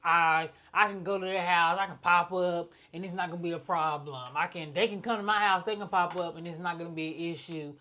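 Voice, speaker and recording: A woman co-hosting a podcast in casual chat, speaking in a flat, nonchalant, one-tone way. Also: lowish voice, fairly quick, hardly any pauses. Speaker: podcast co-host.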